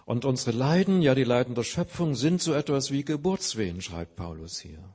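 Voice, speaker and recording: A man's voice: mid-range voice, very animated, normal speed, a little mellow, husky. A man preaching a sermon, earnestly explaining scripture with everyday examples.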